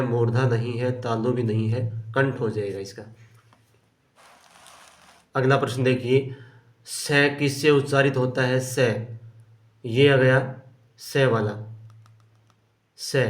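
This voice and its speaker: A man's voice: mid-range voice, reverberant. A man teaching Hindi grammar, going through quiz questions and patiently repeating each answer. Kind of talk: explaining quiz questions on pronunciation.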